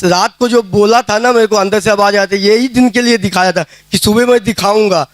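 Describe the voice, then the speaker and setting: A man's voice: high voice, fairly even intonation, moderate pace, dry recording. A man giving a casual spoken testimony at a prayer meeting, telling his story plainly and acting out the dialogue he quotes. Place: prayer hall.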